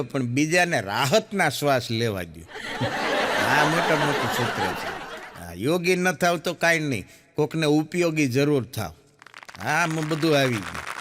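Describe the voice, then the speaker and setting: A man's voice: fairly high pitch, noisy background. A man telling jokes on stage as a stand-up comedian, acting out the people in his stories. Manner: animated storyteller, acts out quoted characters. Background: audience laughter.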